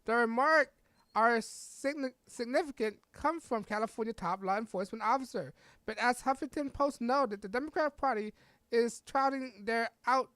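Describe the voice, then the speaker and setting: A woman hosting a podcast, reading an article aloud in halting, stumbling bursts and breaking off for heated, scornful asides. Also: on the high side, fairly bright tone, smooth, no room sound. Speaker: podcast host.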